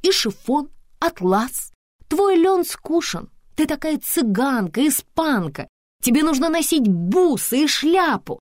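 A woman voicing a pushy young female image consultant who talks high, excited and insistent. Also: takes it slowly, dry recording, studio quality, heavily acted.

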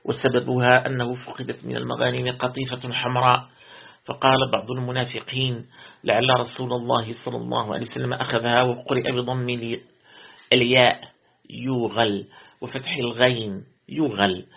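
A man, a sheikh, reading a religious commentary aloud as a lesson. He reads steadily, repeats words to correct himself and slows into chant for quoted verses. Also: medium pitch, little pitch movement, creaky, husky. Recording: tinny lo-fi phone-like recording.

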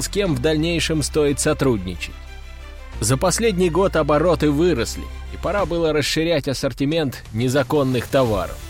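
Higher-voiced male audiobook narrator. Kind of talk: scripted narration. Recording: dry close studio sound, faint music.

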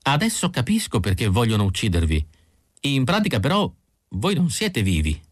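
A man voicing a timid, excitable male outcast who stammers and chatters eagerly in a raised voice. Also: medium pitch, moderate pace, no room sound, studio quality, pitched above the performer's own voice.

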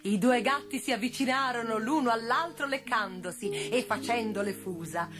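A woman reading a children's fairy tale aloud as a storyteller, in an expressive, animated way. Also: fairly high pitch, moderate pace. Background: faint music.

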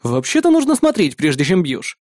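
Man playing cold menacing armored tough guy, slightly high voice, dry sound. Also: wildly swooping pitch, fairly quick, a little mellow, dry recording. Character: cold armored man, self-styled villain.

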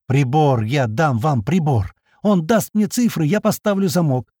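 A man voicing a frantic, bespectacled, curly-haired male technician who shouts orders insistently. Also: a little slow, no room sound, clean studio sound. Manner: shrill, insistent, bossy.

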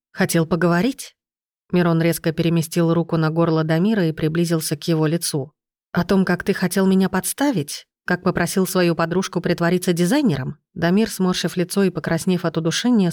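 A woman narrating a romance audiobook in a measured, steady reading. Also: low voice, no room sound, studio quality. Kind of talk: scripted narration.

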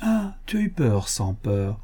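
A man reading an audiobook, voicing a cheerful, generous young prince with a brisk, kindly commanding manner. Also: mid-range voice, lively intonation, warm tone, pitched above the performer's own voice, natural voice. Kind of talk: audiobook character voice.

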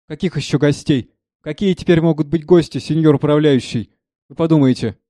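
A gruff old knight with a scarred face and a soft heart, voiced by a man. He rambles in a raised, heavy tone over a dark timbre, close and dry. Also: fairly high pitch, brisk, no room sound, natural voice. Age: older. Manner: grieving, rambling.

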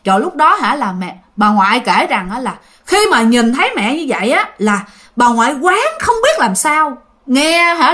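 A woman tells a ghost story, chatting straight to her listeners. Her voice sits high and rises and falls in lively swings, full of expression. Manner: animated, addresses listeners directly. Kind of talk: casual spoken ghost story to an audience.

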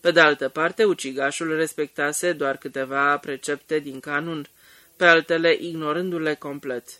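A man narrating an audiobook in a steady, measured reading. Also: on the high side, no room sound. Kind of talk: scripted narration.

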